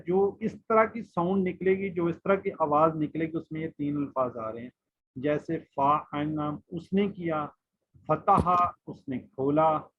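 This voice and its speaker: A man's voice: on the high side, breathy edge. A man teaching a Quran class online, patiently drilling letters and word forms and asking his students questions. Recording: muffled lo-fi online class audio.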